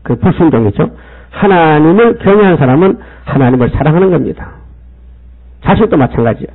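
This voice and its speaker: A man's voice: on the high side, lively intonation, brisk, slightly rough. A male pastor, preaching and scolding the congregation with rhetorical questions. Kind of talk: sermon. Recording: tinny phone-like sound.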